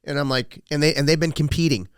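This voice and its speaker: A man's voice: on the high side, steady tone, fast talker, clear, resonant tone, dry recording, clean studio sound. Laid-back man telling gym stories. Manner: laid-back, storytelling, often restarts and laughs. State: sick with a cold. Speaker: podcast co-host, jiu-jitsu gym owner and coach. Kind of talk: casual podcast chat.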